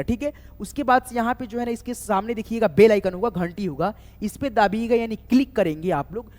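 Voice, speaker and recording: A man teaching a spelling lesson, slowly spelling words letter by letter and often checking that viewers follow. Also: high-pitched, a little mellow. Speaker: online English tutor. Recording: echoey room with long reverb.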